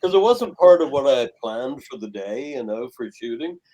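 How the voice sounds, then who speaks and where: A man, a filmmaker guest on a video call, telling lively anecdotes from a film shoot and quoting people. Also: mid-range voice, normal speed, rough recording. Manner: animated, laughing storyteller who swears and quotes people.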